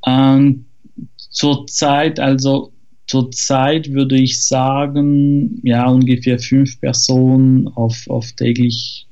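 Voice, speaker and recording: Man, French accent, hesitant, fillers, mellow tone, muffled lo-fi sound. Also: mid-range voice, level tone, slow pace, clean tone. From France. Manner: hesitant, many fillers and restarts. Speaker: guest, software developer. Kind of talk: casual podcast interview.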